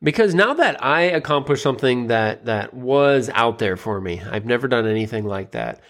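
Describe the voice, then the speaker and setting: A man's voice: expressive, normal speed, fairly bright tone. A man hosting a podcast, speaking in a casual motivational monologue full of fillers and restarts. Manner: rambling, with many fillers and restarts; grows more emphatic and pitch rises toward the end. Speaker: podcast host.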